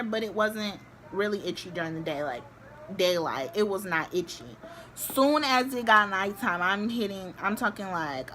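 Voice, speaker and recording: A young woman vlogging, telling a story to the camera in a chatty, animated way with many filler likes. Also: medium pitch, a little hiss or hum. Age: young adult.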